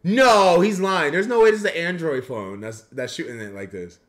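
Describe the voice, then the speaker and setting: A man's voice: on the high side, expressive, moderate pace. A man in his twenties reacting to a video on a live stream, laid-back and chuckling as he talks to his chat on a headset in a home studio. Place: home studio room with shelves.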